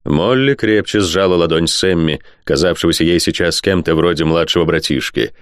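A man narrating an audiobook in a wry, lively way. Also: sits low, normal speed, no echo, clean studio sound. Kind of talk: expressive audiobook reading.

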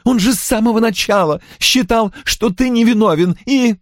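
A man's voice: high-pitched, moderate pace, dry recording, clean studio sound, voice pushed up, close to an everyday voice. A man voicing an earnest woman pleading with her brother in an audiobook. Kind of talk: audiobook character voice.

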